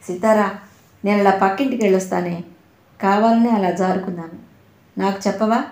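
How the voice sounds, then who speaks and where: A woman's voice: mid-range voice, fairly even intonation, brisk, darkish tone, natural voice. A woman voicing a playful young woman who teases her elder sister, in an audiobook reading. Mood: teasing. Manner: teasing, light. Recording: roomy echo.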